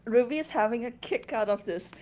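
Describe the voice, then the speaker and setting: A woman's voice: a little high, brisk, background noise. A woman narrating her character in a tabletop game in a hesitant, casual way.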